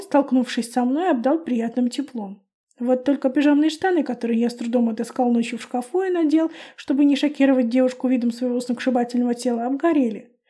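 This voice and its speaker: A woman calmly narrating a first-person audiobook. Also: sits high.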